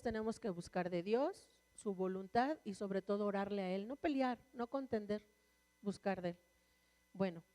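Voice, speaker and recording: A woman's voice: medium pitch, a little mellow. A woman preaching a sermon and sharing a personal testimony in an earnest, conversational way. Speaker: church speaker. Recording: long reverb of a large hall.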